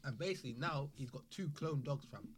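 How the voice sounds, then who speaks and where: A man's voice: medium pitch, animated, a little fast, crowd noise. A man with a London roadman accent, pressing his point in repetitive street slang during a casual group chat. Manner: roadman slang, insistent, repeats "fam".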